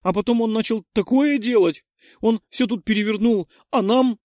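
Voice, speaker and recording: Guy doing a sly little girl fake-crying, squeaky high and sobbing, storybook voice. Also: normal speed, a little mellow, no echo, studio quality, natural voice. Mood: fake tearful. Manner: high, sobbing, breathless pleading. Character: crafty eleven-year-old girl feigning tearful fright. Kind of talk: audiobook character voice.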